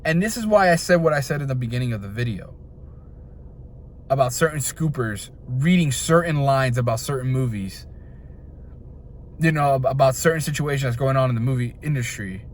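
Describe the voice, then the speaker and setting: A young man hosting an opinion video, venting in a frustrated, animated way and jumping from point to point. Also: mid-range voice, a little fast, slight background noise. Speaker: video host.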